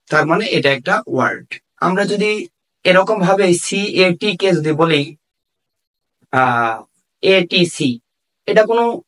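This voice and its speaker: A man with a Bangladeshi Bengali accent teaching an English grammar lesson, repeating key phrases slowly with fillers. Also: high-pitched, a bit bright.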